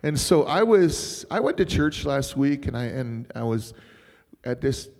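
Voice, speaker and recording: Gravelly middle-aged pastor in a reverberant hall. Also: male voice, mid-range voice, big pitch swings, unhurried, a little mellow. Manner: rambling, chatty, laughs often. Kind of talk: informal sermon storytelling. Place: church.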